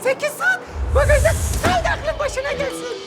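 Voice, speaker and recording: A woman's voice: very high-pitched, moderate pace, over loud music, a loud crowd. An actress playing a grim older woman kidnapper who threatens her captive coldly. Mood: menacing. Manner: threatening, cold. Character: grim old woman kidnapper, menacing and stubborn.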